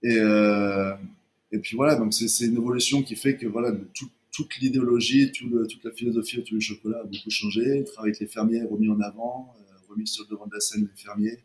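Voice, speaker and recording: A man's voice: lowish voice, fairly even intonation, fast talker. A man, co-founder of a chocolate brand, talking casually as a guest in an interview, hesitant and full of restarts. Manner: hesitant, many restarts and fillers.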